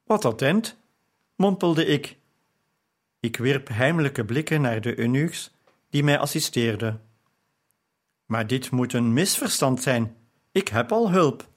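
A man's voice: medium pitch, expressive, takes it slowly, pauses often. A man reading a novel aloud, voicing a proud, defiant young woman scribe arguing with her father. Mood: tight polite.

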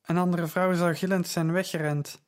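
A man voicing a large Roman citizen, confused and groggy, speaking in a halting mumble. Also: sits high, level tone, pitched above the performer's own voice, close to an everyday voice. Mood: puzzled. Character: large Roman citizen, dazed after a seizure.

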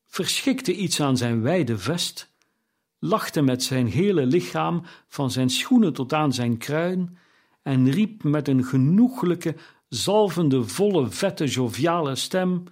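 A man reads a classic tale aloud in a measured, unhurried manner. His voice sits a little high for a man. It is a scripted storybook narration. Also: darkish tone. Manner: slow, deliberate reading. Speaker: audiobook narrator.

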